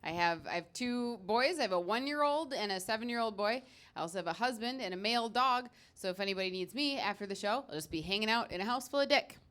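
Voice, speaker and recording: A woman in her thirties doing a stand-up comedy set on a club stage, with a brash, profane, tired deadpan delivery. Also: medium pitch, fast.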